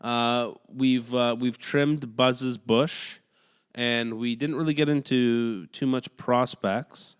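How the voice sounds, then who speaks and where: A man's voice: medium pitch, fairly even intonation, clean tone. A man co-hosting a casual hockey podcast at home, rattling off player stats and laughing often. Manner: reads stats in a quick list, breaks into laughs. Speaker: podcast co-host. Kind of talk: casual sports chat reading stats. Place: home room.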